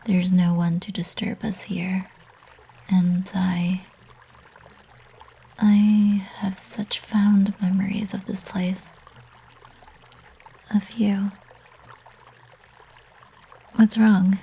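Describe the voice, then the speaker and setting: Woman acting a young succubus, whispered role-play, very breathy, slow, intimate, teasing, possessive ASMR sweetheart. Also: medium pitch, little pitch movement, heavily acted. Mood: tender, shy. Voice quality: breathy, soft.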